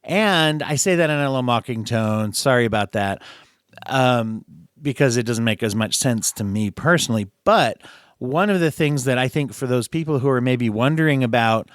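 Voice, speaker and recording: Smooth-voiced man chatting on a podcast. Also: mid-range voice, lively intonation, normal speed, no room sound, clean studio sound. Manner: chatty, laughs often, many restarts and fillers. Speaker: podcast host. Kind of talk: casual podcast discussion.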